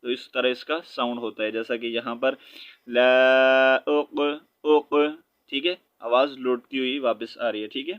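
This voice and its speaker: A man teaching Quran recitation letter by letter. He patiently checks in with his listeners and chants the verses slowly. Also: mid-range voice, steady tone, no echo, lo-fi sound. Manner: patient, checks in with "okay?" after each point; slow drawn-out chanting of verses. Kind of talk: spelled-out recitation lesson.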